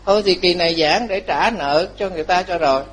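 A man, a Buddhist monk, giving a lively dharma talk to lay followers, joking often and repeating his phrases. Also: sits high, fast talker.

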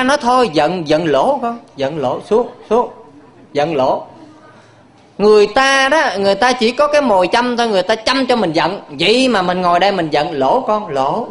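Monk man giving a jokey sermon, fairly high voice, laughs a lot, temple hall. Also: a bit bright. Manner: playful, laughing, addresses audience with questions. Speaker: Buddhist monk teacher.

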